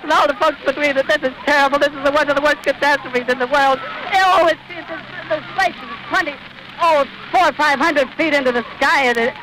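A male radio reporter, distraught and out of breath, stammering and repeating himself as he reports live outdoors from an airfield. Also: very high voice. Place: outdoors at an airfield, near a burning airship. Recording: noisy 1930s archive radio recording.

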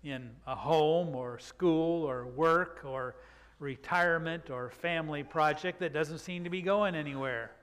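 Fairly high-pitched, a bit bright and clean in tone, an older pastor speaks from the pulpit in a reflective, unhurried sermon. He draws out words to emphasize them. The sound comes through a pulpit mic with long reverb in the sanctuary.

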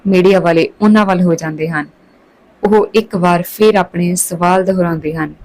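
A woman's voice: lowish voice, moderate pace, rough recording. Woman narrating a Punjabi story. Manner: switches between calm narration and raised voices for quarrelling characters. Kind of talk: scripted story narration with voiced dialogue.

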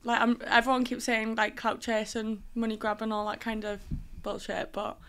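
A woman's voice: on the high side, level tone, normal speed, clean tone. A woman in her twenties with a north-east English accent, chatting frankly and matter-of-factly as a podcast guest. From Durham, north-east England. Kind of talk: casual chat. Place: small podcast studio. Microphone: close desk microphone.

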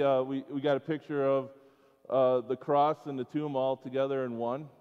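In a church sanctuary, a middle-aged American man gives an informal children's sermon to schoolchildren as a school chapel speaker, pausing between short phrases and asking his listeners questions. His mid-range voice is clean in tone, though the church hall pickup sounds dull and echoing.

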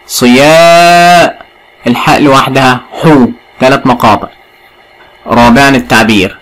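A man with an Egyptian accent teaching a recorded lesson to young pupils, spelling words out slowly and praising answers often. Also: medium pitch, a bit bright, low-quality recording. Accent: Egyptian Arabic. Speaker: primary school teacher.

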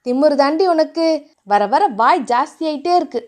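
A woman's voice: high-pitched, normal speed, natural voice. Dheeran, a woman doing a teasing young hero. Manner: teasing, mock-threatening. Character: teasing gruff young male romantic hero.

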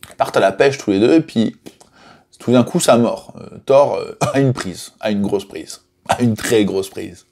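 Man, casual storyteller, gravelly low voice, chatty with lots of fillers. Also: normal speed. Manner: chatty, many fillers, lively emphasis on names. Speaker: game publisher presenting lore.

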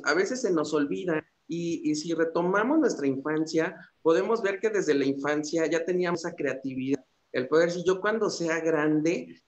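A man, a psychologist giving an earnest motivational talk that wanders through fillers and restarts. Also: a little high. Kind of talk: motivational talk on a radio-style show. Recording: echoey, dull lo-fi room sound.

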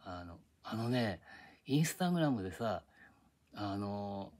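Older man vlogging alone at home, low voice, chatty and grumbly, drifts topic to topic. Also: expressive, slow, a little mellow. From Japan. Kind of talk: rambling casual monologue. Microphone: tablet microphone.

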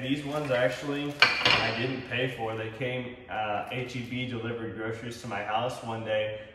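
A man's voice: medium pitch, very noisy. A young man with a Texan accent, chatting upbeat with many fillers as he walks through his fitness gear in a large home kitchen, filmed by a camera some distance away. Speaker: fitness vlogger. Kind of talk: casual product walkthrough. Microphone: far camera. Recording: roomy echo, voice from afar.

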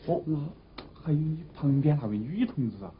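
Actor as a lively dialect job applicant, highish voice. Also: male voice, fairly quick, natural voice. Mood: confiding. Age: middle-aged. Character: pretentious, polite middle-aged male job applicant. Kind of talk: comedy TV drama dialogue. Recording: muffled old TV sound, faint noise.

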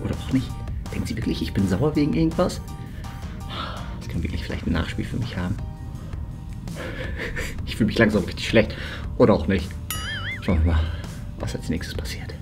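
Loud music and an echoey room surround this casual vlog chat, recorded on a handheld or propped camera in indoor offices and a stairwell. The host, a man in his thirties, speaks on the low side at normal speed, with big pitch swings and frequent pauses.

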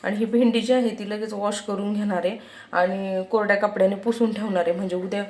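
A woman in her thirties with a Marathi accent, chatting calmly through her cooking routine in a home kitchen vlog. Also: medium pitch, brisk, reverberant. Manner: calm chatty explaining, raises voice to call her children. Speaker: family vlogger. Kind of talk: casual vlog narration while cooking.

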